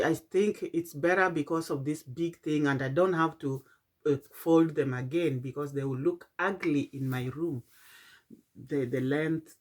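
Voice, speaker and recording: A middle-aged Kenyan woman with a deep voice records a late-night personal vlog, tired and yawning. She speaks in a halting, reflective way with many fillers and restarts.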